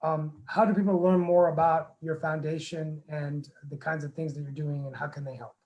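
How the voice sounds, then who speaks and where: Guy hosting a webinar on a video call, kinda high voice, earnest and rambly, lots of ums. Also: flat delivery, moderate pace, a little mellow, lo-fi sound. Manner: earnest, rambling, many fillers and restarts. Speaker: webinar host, town council member. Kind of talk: casual webinar talk.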